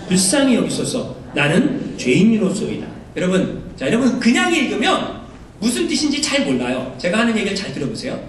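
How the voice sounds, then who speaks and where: A man preaching a sermon to a congregation, asking them rhetorical questions and acting out pleading prayers. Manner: acts out prayers in a raised, pleading voice. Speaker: pastor. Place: church sanctuary. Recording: echoey church hall from far off, faint rumble.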